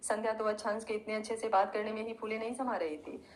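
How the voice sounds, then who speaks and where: A woman narrating an audio love story in a smooth, expressive reading. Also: medium pitch, fast talker, a little hiss or hum, low-quality recording.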